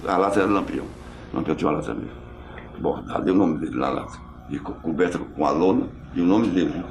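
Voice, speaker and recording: An older man, recounting what he saw in quick, halting bursts full of restarts. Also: low voice, lively intonation, background noise. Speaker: eyewitness interviewee. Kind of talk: storytelling recollection. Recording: roomy echo.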